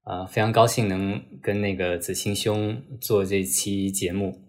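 Low-pitched Chaoshan man, podcast guest. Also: little pitch movement, measured pace, a little mellow. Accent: Chaoshan (Teochew). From Chaoshan, southern China. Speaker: guest, novelist. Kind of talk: casual conversational interview.

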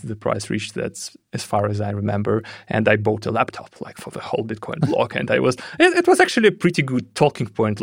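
Gravelly-voiced man from Russia. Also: medium pitch, dry recording, studio quality. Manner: thoughtful, hesitant with many fillers. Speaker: guest, head of security. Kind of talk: podcast interview.

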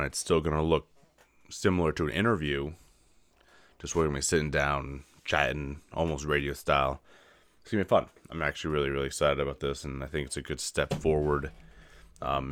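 Super low voiced new guy rambling on his podcast, kinda sleepy, dry close sound. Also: a bit bright, no room sound. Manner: rambling, upbeat, with fillers and yawns. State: tired, yawning. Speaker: podcast host. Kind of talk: casual solo podcast talk.

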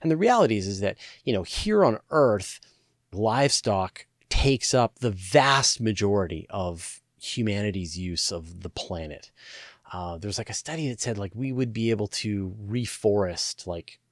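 A man with a lowish voice talks through listener questions in a loose, conversational way. He fills his sentences with "like" and "you know" and drops in playful asides. The sound is dry and close, with no room around it. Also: lively intonation, measured pace, no room sound. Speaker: host answering listener questions. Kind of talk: casual science Q&A talk.

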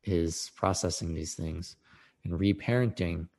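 Earnest, reflective man, lowish voice. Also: unhurried, darkish tone. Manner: earnest, reflective, repeats words while thinking. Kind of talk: casual conversation.

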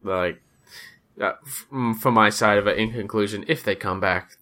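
A man with a somewhat low voice chats casually as a podcast co-host. He sounds laid back and hedges his points with loose filler words. He speaks close to the microphone. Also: moderate pace. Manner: relaxed, hedging with "like" and "kinda". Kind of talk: casual hobby podcast chat.

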